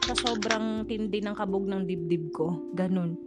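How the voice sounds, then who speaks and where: A young woman casually telling a story, animated, laughing often and acting out what people said. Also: medium pitch, measured pace. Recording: music playing behind.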